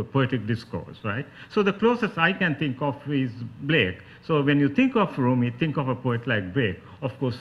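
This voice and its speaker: A man with a Sri Lankan accent giving an academic talk as a panelist, in a scholarly, explanatory manner. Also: mid-range voice. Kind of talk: spoken academic lecture. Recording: dull, lo-fi talk recording.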